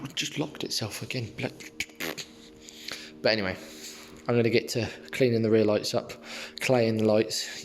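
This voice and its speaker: A young man talking casually to the camera in a car vlog, rambling with fillers and losing his voice. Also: mid-range voice. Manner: chatty, relaxed, rambling with fillers. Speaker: car detailing vlogger.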